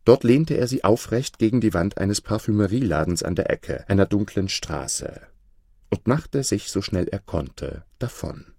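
A man calmly reading an old tale aloud as narrator, in a measured storytelling manner. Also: lowish voice, gravelly, no echo, studio quality.

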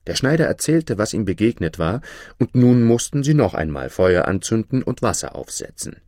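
A man reads a fairy tale aloud in a low, expressive voice. His pitch swings widely to bring the story to life. The recording is dry and close, with no room sound. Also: moderate pace, no room sound.

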